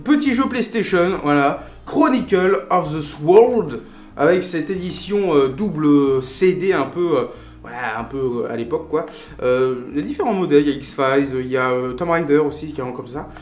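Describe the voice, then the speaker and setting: A man's voice: a little high, moderate pace. A man hosting a casual unboxing video, talking in a chatty, playful way with lots of fillers and asides. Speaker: retro game collector and video host. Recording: roomy echo with faint music.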